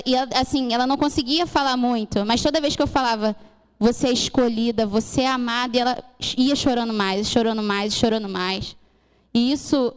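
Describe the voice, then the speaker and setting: A woman's voice: a little high, clean tone. A young woman giving an earnest testimony sermon in church, acting out dialogue as she tells the story. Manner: earnest storytelling, acts out dialogue, addresses congregation as "gente". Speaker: church speaker sharing mission testimony. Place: church hall. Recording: church hall with long reverb.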